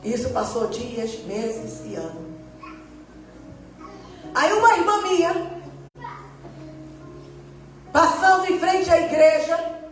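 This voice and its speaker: A woman missionary giving a testimony sermon, telling her story and acting out the dialogue. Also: high voice. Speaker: missionary preacher. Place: church hall. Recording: echoey church hall, distant mic.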